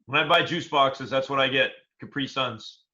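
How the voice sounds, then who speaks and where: A man co-hosting a casual show chat, rambling and halting with repeated restarts. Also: mid-range voice, sharp tone. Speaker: co-host. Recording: dull lo-fi sound.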